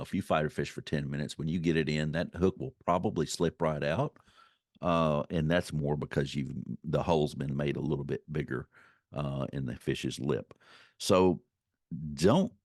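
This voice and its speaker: Very deep-voiced man, folksy instructor. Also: a little mellow, no echo, studio quality. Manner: folksy, rambling, circles back to repeat points. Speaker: fly-fishing instructor. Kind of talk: informal unscripted instructional talk.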